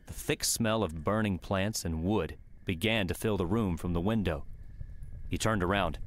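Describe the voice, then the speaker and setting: A man with a deep voice reads an adventure novel aloud as a scripted audiobook, at normal speed. Faint background noise and ambience can be heard in the recording.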